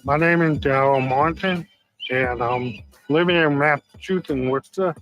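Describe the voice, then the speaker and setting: A man from Texas, a kayak angler answering interview questions haltingly, searching for his words. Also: fairly high pitch, a bit bright, faint music behind, low-quality recording.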